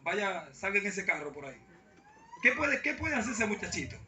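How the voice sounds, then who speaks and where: A man's voice: sits high, sing-song, normal speed, a crowd in the background. A man, a pastor preaching a sermon and calling out again and again to the congregation. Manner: preaching with repeated call-outs to the congregation. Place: church. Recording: echoey church hall from far off.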